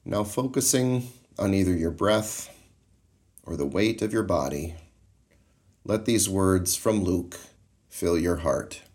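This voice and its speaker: Man, very low voice, unhurried, calm meditation guide. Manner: calm, slow, measured, soothing.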